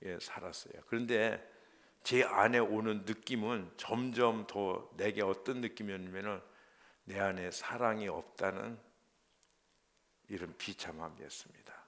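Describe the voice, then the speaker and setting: A middle-aged man preaching a sermon as a pastor, emotional, moving from loud pleas to hushed whispered prayers. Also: on the low side, a little slow.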